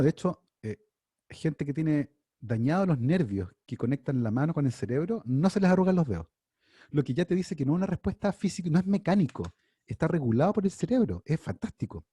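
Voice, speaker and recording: Lively, husky-voiced Chilean man. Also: medium pitch, dry recording, studio quality. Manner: lively, anecdotal, voices his own quoted lines. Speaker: invited speaker, scientist and author. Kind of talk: casual storytelling talk.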